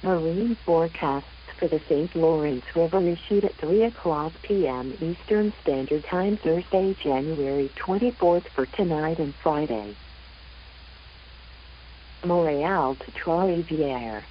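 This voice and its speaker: A woman reading a marine weather forecast in a measured, even announcer delivery over a VHF marine radio broadcast. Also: low-pitched, muffled recording, slight background noise.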